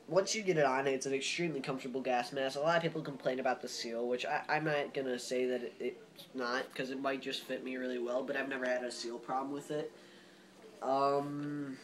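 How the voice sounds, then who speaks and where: A man's voice: medium pitch, poor audio. A man giving a casual, rambling gear review as a reviewer, informal and emphatic with plenty of hyperbole. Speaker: gas mask reviewer.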